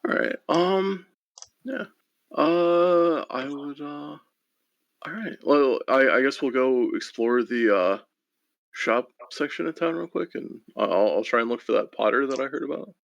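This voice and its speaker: A man's voice: medium pitch, measured pace, gravelly, no room sound, highs cut off. A man playing a tabletop game, talking casually and hesitantly with many fillers. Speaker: player.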